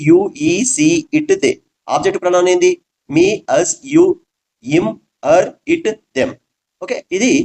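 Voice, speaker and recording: Telugu-accented man teaching grammar, lively pitch. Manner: explains in Telugu, reads English examples slowly and deliberately; asks the audience questions and answers them himself. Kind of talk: classroom-style grammar lesson.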